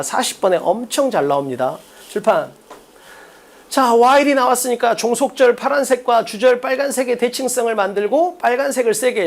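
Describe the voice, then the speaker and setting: A man teaching an online exam-prep English lecture, drilling students with constant rhetorical questions. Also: sits high.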